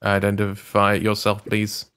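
Give me a man putting on a deep, flat security robot checking clearance in clipped phrases. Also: unhurried. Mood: stern.

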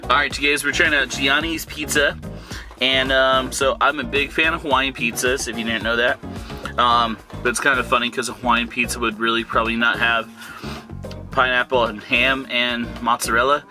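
Music sits in the background as a travel vlogger in his thirties from southern California talks at a moderate pace with a medium pitch and level tone. He rambles casually with plenty of fillers. The handheld camera is held at arm's length, and scenes shift between outdoors, a hotel room, and a parked van.

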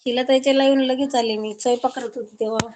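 A woman's voice: high-pitched, steady tone, racing, darkish tone, slight background noise. A woman from Maharashtra chatting casually on a live stream, reading viewer comments aloud and answering each viewer affectionately.

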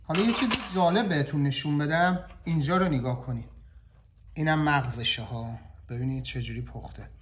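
A chef hosts a laid-back cooking vlog in an indoor kitchen, cracking jokes and addressing viewers directly through a clip-on mic. His voice is slightly high, and the background is noisy.

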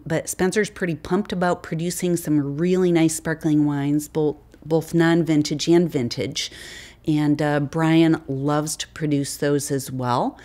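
A woman in her fifties, a winery wine specialist, answering interview questions in a relaxed, conversational way with frequent fillers. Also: low-pitched. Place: indoor winery tasting room.

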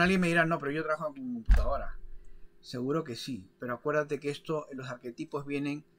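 A man's voice: mid-range voice, fairly bright tone, slightly rough. A man giving a video lesson, explaining step by step, often checking with "ok?" and "¿de acuerdo?", and showing examples with his hands. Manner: didactic, checks in with frequent "¿ok?" and "¿de acuerdo?". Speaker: biodecoding teacher.

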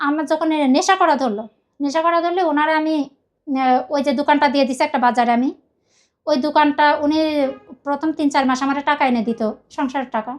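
Her high voice stays fairly even in intonation and moves fairly quickly as this middle-aged Bangladeshi-accented woman shares her life story as a guest. She is earnest and emotional, rambling and often saying things more than once.

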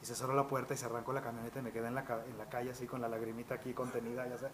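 A man, a voice actor telling stories from his career in an interview, animated and peppered with fillers. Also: medium pitch, noisy background. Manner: animated, quick anecdotal storytelling with fillers like "este". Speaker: voice actor guest. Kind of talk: interview storytelling.

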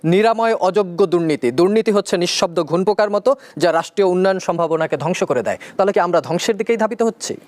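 A man interviewing a guest, asking quick probing questions with some hesitations. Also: high voice, lively intonation, darkish tone.

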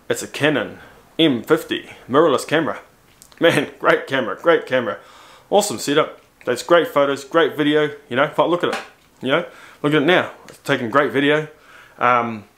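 A motorcycle vlogger in his forties with a New Zealand accent chats casually to camera about his gear, repeating himself and jumping up in pitch whenever he shows something. He's in a room at home, recorded on a camera-mounted shotgun mic, and his tone is fairly bright.

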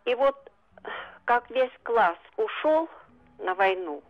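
A woman's voice: on the high side, expressive, slow pace, soft background music. A woman in her seventies, calling a radio show and earnestly telling a long memory. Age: 70s. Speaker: radio caller. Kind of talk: phone-in recollection. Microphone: telephone. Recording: phone line.

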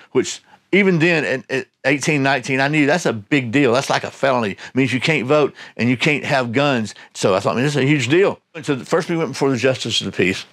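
Male host, casual storyteller, middle pitch, rambling and self-correcting. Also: fairly bright tone. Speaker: channel host.

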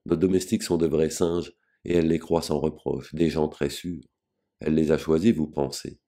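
Bitter, wounded young woman, proud and defiant, read by a man in a very deep, mellow voice with no put-on character.

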